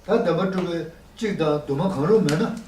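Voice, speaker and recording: Halting male teacher, echoey distant mic. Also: fairly high pitch, darkish tone. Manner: halting, with many tag questions "¿no?". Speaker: Buddhist teacher. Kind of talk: teaching a lesson. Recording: echoey room, mic far off, faint noise.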